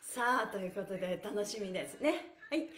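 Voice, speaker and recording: A middle-aged woman, working as a stretching instructor and mime performer, leads a cheerful exercise livestream from a mat in a small, bare indoor studio. Her medium-pitched voice moves at a normal speed with lively, sing-song intonation and a fairly bright tone, upbeat and full of exclamations and encouragement. The room is echoey, and there's slight background noise.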